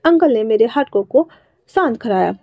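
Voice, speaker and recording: A woman's voice: on the high side, animated, moderate pace, no room sound. A woman voicing a naive, sweet young man who talks in an innocent, eager way. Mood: earnest. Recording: dull lo-fi dry recording.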